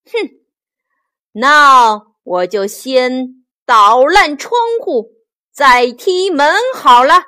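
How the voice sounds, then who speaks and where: A woman's voice: high-pitched, extremely slow, pushed and bright, smooth, full character voice. A woman doing a stern angry god. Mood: mocking. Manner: scornful, threatening.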